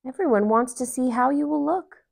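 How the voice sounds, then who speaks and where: A woman's voice: high-pitched, normal speed, gravelly, darkish tone, pitched above the performer's own voice. A woman voicing a friendly, candid male frog in a plain-spoken storybook read-aloud. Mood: apologetic.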